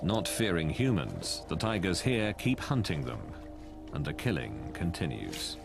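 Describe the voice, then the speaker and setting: Deep-voiced man narrating a nature documentary. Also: very animated, unhurried, vocal fry, over loud music.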